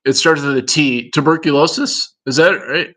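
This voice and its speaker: A man's voice: a little high, moderate pace, fairly bright tone, rough recording. Rambling Minnesotan man on a livestream. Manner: rambling and digressive, talking to viewers in chat. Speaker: livestream host. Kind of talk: casual livestream chat answering viewers.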